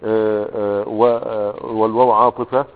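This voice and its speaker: A man with an Egyptian accent patiently explaining a grammar lesson, posing questions to himself and pausing often to find words. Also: fairly low pitch, level tone. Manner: patient, explanatory, asks and answers his own questions, frequent hesitations. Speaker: teacher of Arabic grammar. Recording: tinny radio broadcast with long reverb.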